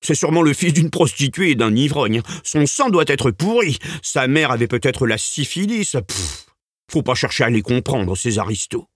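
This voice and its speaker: A man's voice: medium pitch, lively intonation, moderate pace, dry recording, pitched above the performer's own voice, natural voice. A man voicing a dry, wiry governess who mutters scornfully about her masters. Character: grumbling dry, wiry middle-aged governess.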